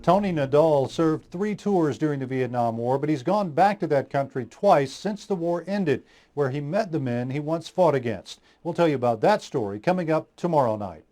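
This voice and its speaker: Male TV news reporter, American accent, scripted narration, voice pitched a bit above average. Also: animated, normal speed, warm tone, dry recording.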